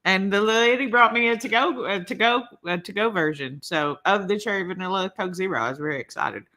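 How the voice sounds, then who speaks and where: A woman with a mid-range, sharp-toned voice talks a little fast on a casual live stream while assembling a toy. She rambles, laughs often and sounds slightly congested.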